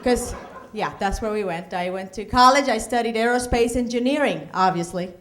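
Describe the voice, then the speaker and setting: A woman's voice: on the high side, moderate pace. A middle-aged woman from Puerto Rico with a Puerto Rican accent performing a stand-up comedy set, with punchy delivery and Spanish asides. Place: comedy club stage.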